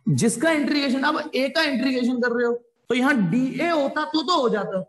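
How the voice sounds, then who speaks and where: Brief: very high-voiced male tutor, jokey and pushy, echoey room. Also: moderate pace. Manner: playful, jokey, coaxing students to answer. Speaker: physics teacher. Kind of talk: live online class lecture.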